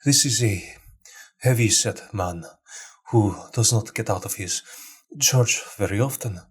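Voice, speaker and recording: A man who hosts a game master channel, calmly explaining how he portrays characters in his tabletop campaign. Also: on the low side, unhurried, breathy edge.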